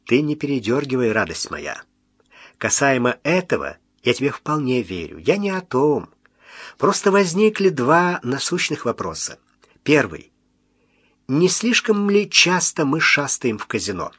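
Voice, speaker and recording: A man's voice: medium pitch, sing-song, a little slow, a bit bright, husky, dry recording, heavily acted. A man playing a stern ironic admiral. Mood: serious. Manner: commanding, dry, with a metallic edge. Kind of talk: audiobook character voice.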